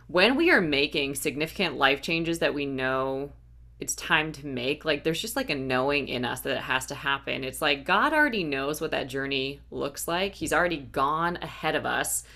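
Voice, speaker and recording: A woman's voice: sits low, gravelly, sharp tone. A woman hosting a faith podcast as a life coach, talking earnestly and often asking "right?". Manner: earnest, uses "right?" tags. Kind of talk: encouraging podcast talk.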